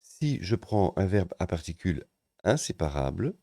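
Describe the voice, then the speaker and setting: Male teacher, deep low voice, patient step-by-step grammar explainer, dry close sound. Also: moderate pace, no echo. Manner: calm, methodical, with occasional hesitations. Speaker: language teacher.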